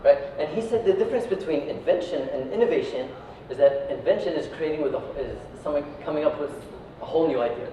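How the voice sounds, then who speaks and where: Here the Iraqi founder's warm voice sits a little high, and he talks quickly with hardly any pauses, chatting informally with an audience and frequently tacking on "right" and "yeah." The audio is captured from a distance in an echoey indoor room and comes across dull with faint noise.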